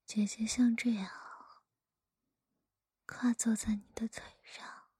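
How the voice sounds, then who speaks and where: Woman acting a teasing older sister, breathy whispered role-play right in your ear. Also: a little high, level tone, mellow, no echo, clean studio sound, heavily acted. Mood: teasing, intimate. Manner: slow, intimate whispering right in the listener's ear. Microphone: close microphone, dry.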